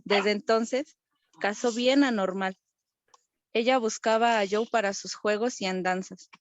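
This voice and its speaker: A woman student, reading a story aloud in class, steady and careful. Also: medium pitch, unhurried, lo-fi sound, a little hiss or hum.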